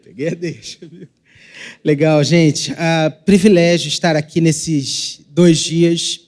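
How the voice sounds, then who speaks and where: A man from Rio de Janeiro with a Carioca accent and a hushing sh sound for s, preaching a sermon as a pastor in deliberate, drawn-out phrases. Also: fairly high pitch, fairly even intonation. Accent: Carioca (Rio de Janeiro) Brazilian Portuguese. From Rio de Janeiro, Brazil. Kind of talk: sermon to a congregation.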